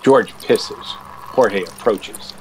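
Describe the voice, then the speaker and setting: A man's voice: fairly low pitch, drawn-out words, darkish tone, slight background noise, low-quality recording. A man narrating an audio drama in a dramatic, scripted style.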